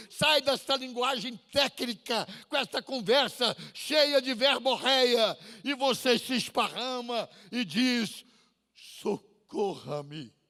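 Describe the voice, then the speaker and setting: A male pastor preaching a sermon, dramatic and slow, drawing out pleas and swinging from loud cries to near-whispers. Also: very high voice. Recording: long church reverb.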